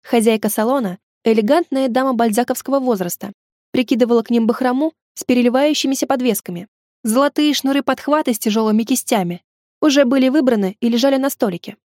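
A woman in her twenties narrating a first-person novel in a steady, wry storytelling tone. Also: fairly high pitch, fast talker, no echo, clean studio sound. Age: 20s. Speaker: audiobook narrator.

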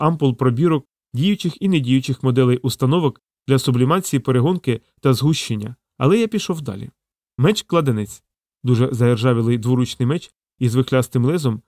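A man narrates an audiobook in a steady, even voice at a mid pitch. The recording is close-miked and very dry, with no room sound. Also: no room sound. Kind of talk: scripted narration.

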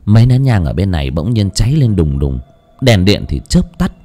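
A man narrating an audio ghost story in a dramatic, lively telling. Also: low voice, moderate pace, faint music behind.

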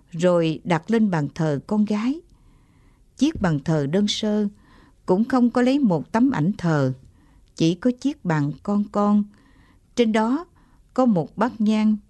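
Calm woman narrating a story. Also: medium pitch, no room sound.

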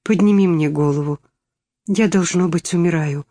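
A woman voicing a frail, dying young boy who speaks softly and weakly. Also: lowish voice, normal speed, dry recording, studio quality, lightly acted. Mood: fading, tender. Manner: soft, weak, hushed speech.

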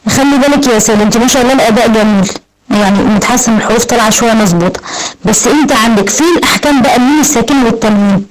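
An Egyptian woman teaching Quran recitation, giving quick, encouraging corrections and slowly drawing out example words. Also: a little high, rough recording. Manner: quick, encouraging corrections with slow drawn-out demonstrations. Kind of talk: online recitation lesson, correcting a student.

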